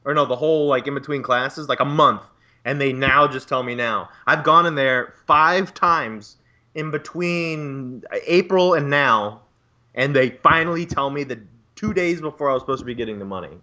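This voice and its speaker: A man's voice: medium pitch, moderate pace, sharp tone. A man in his twenties, a graduate student, on a casual podcast, ranting profanely and with exasperation about bureaucracy. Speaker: podcast co-host.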